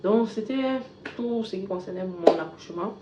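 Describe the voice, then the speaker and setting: A woman vlogger casually retelling a personal story, switching from loud bursts to soft asides. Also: medium pitch, moderate pace. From Cameroon. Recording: echoey room, dull lo-fi sound with faint hiss.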